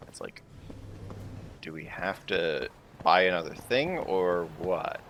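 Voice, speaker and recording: A man's voice: low-pitched, animated, slow, fairly bright tone, slight background noise. A man streaming a video game, commenting casually with rambling, self-mocking asides. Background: game music.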